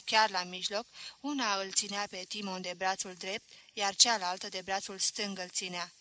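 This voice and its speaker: A woman reading a literary novel aloud as an audiobook, in a measured, expressive way. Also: medium pitch. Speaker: audiobook reader.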